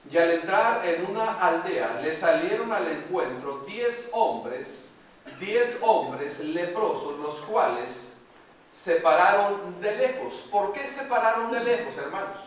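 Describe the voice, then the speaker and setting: A male pastor from Mexico preaching a sermon slowly and emphatically, repeating phrases and putting questions to the congregation. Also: sits high. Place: large church hall. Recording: echoey hall, voice from far off.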